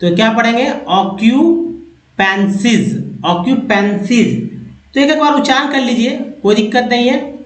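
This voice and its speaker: A man teaching pronunciation, reading English words slowly one by one and repeating each. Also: very high voice, echoey room, rough recording. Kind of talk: pronunciation lesson.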